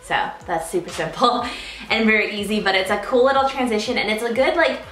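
Young woman, bubbly and chatty, casual tutorial to camera, mid-pitched, roomy echo. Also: brisk, fairly bright tone, soft background music. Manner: bubbly, chatty, repeats "super simple", many ums. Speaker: YouTuber. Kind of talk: casual how-to chat to camera. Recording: echoey room.

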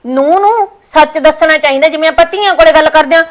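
A woman playing a sharp-tongued daughter-in-law who argues and scolds her mother-in-law in a family short film. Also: sits high, fast talker, natural voice. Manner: scolding, argumentative.

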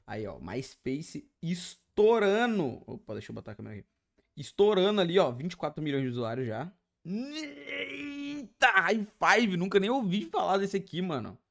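A young man with a Brazilian accent, streaming and reacting excitedly with lots of slang and exclamations. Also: a little high, normal speed, creaky. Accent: Brazilian Portuguese.

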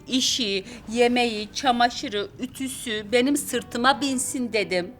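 A woman's voice: high-pitched, lightly acted. An actress playing Abiye, a talkative, theatrical middle-aged wife who mangles her words, in a sitcom. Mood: complaining. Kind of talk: sitcom acting. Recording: audience laughter behind. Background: studio audience laughing.

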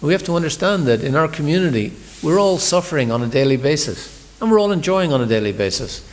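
A man's voice: fairly high pitch, lively intonation, quick pace, big-room sound, a little hiss or hum. A man giving a morning scripture class, talking in a conversational storytelling sermon, often repeating words as he restarts. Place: large temple hall.

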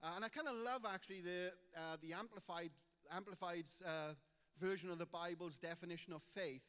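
Welsh pastor guy preaching, kinda high voice, lots of ums and restarts, church hall echo. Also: a little fast, clear, resonant tone. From Wales. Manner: warm, chatty preaching with frequent fillers and restarts. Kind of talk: sermon. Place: church auditorium.

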